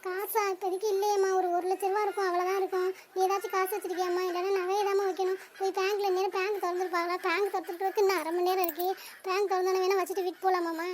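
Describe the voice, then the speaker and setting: A woman voicing a worried middle-aged mother with a sped-up, squeaky cartoon voice. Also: slight background noise. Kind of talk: cartoon family drama.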